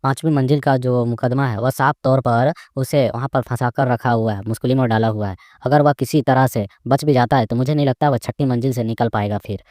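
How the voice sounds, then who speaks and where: A blunt, doubtful sect elder warns his young master , played by a male recap narrator. The voice stays near the narrator's own, quick and dry. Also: mid-range voice, fairly even intonation, darkish tone, no room sound, natural voice. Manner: blunt, warning.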